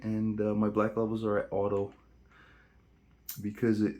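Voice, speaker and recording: A man with a low-pitched voice hosts an informal how-to video. He talks casually to his viewers, going through settings one step at a time. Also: monotone, unhurried, mellow. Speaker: video host.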